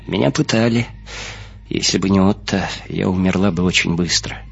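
A man reads as an earnest young woman who was once held captive, recounting her story with animated storytelling. The voice is a little husky and sits a touch higher than his narration. The audiobook sound is muffled. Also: moderate pace, full character voice. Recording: muffled lo-fi recording.

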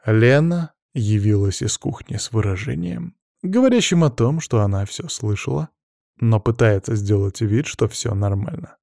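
A man narrating an audiobook in the first person, in a measured, wry and reflective way, close to a studio mic. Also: on the low side, expressive, creaky, dark tone, dry recording.

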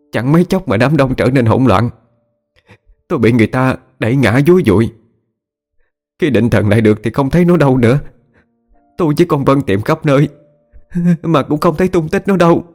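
A man's voice: fairly low pitch, expressive, fairly quick, pauses often, a little mellow, faint music behind. A man voicing a frantic middle-aged wealthy wife who talks in a panicked, tearful rush. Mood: distraught.

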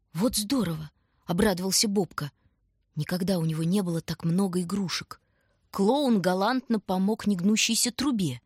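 A woman narrating a children's storybook in a calm, even reading voice, close to the mic. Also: mid-range voice, slightly rough, no echo. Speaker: audiobook narrator.

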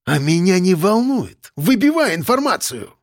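A man voicing a furious, foul-mouthed middle-aged police chief who yells and sneers at his men. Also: animated, brisk, slightly rough, no echo, studio quality. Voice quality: shrill, yelling. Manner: screaming abuse, sneering mockery.

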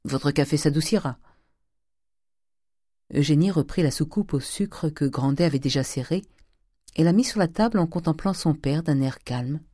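Man narrating a classic novel in a mellow voice. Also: a little high, moderate pace, no room sound, studio quality. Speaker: audiobook narrator. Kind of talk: scripted narration.

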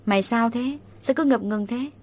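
A woman's voice: fairly high pitch, normal speed, a little mellow, close to an everyday voice. A woman voicing a short-tempered middle-aged mother who scolds sharply and impatiently. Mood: scolding.

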